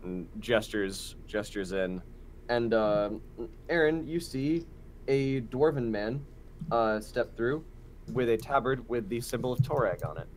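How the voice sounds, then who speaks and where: A man's voice: medium pitch, unhurried, a little hiss or hum. A man narrating as game master of a tabletop game in a loose, filler-heavy way.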